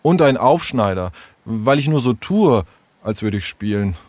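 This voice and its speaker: A man's voice: medium pitch, lively intonation, unhurried, darkish tone, no room sound, lightly acted. A man voicing a hurt, shy young boy who mumbles hesitantly and sounds dejected.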